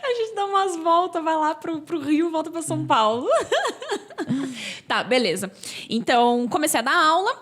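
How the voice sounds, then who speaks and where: A Brazilian woman in her thirties, a podcast guest who tells her stories in an animated way and laughs often. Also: sits high, measured pace. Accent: Brazilian Portuguese. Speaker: podcast guest, labor lawyer. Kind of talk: casual podcast chat.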